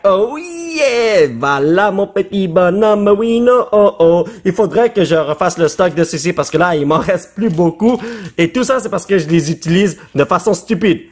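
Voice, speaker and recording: A man, short on sleep, chatting excitedly in a casual vlog while opening trading cards, tossing in English words. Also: sits high, breathy edge. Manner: excitable, shouts and laughs at pulls, mixes in English words. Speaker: YouTuber opening Pokémon cards.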